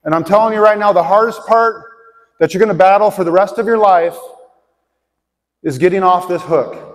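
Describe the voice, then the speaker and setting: A middle-aged pastor with a high-pitched voice and moderate pace delivers a conversational sermon in a large church auditorium. He asks the congregation direct questions, and long hall reverb fills the recording.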